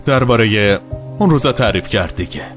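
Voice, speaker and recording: A woman's voice: rumbling low, lively intonation, faint music behind. A woman dubbing a playful, knowing woman in a drama. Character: warm, knowing woman gaming.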